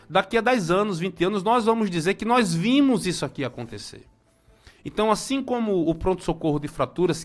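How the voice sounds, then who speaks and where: A high-pitched Brazilian man in his forties gives casual local commentary, chatty and nostalgic. He restarts often and gives frequent shout-outs to friends.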